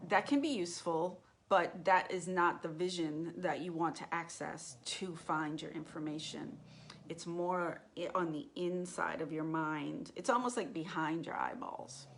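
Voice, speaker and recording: A woman's voice: lowish voice, slight background noise. A woman teaching a live class on intuition, talking in a conversational way and asking the group questions.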